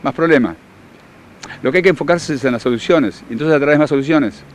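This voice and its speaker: Hombre, acento argentino, tono didáctico y firme, leve ruido de tráfico de fondo. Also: male voice, a little high, fairly quick, slight background noise. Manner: confident, instructive, emphatic. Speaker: workshop leader and therapist. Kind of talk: explanatory interview answers.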